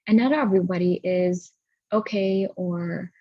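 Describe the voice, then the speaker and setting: A woman hosting a guided healing session over a video call, talking haltingly and stopping to gather her thoughts. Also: fairly low pitch, dry recording. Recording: dull lo-fi audio.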